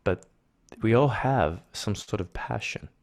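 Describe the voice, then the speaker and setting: A man from Argentina, a spiritual mentor as guest, talking in a soft, earnest, gently encouraging way. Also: on the low side, lively intonation, measured pace, gravelly. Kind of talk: reflective conversation.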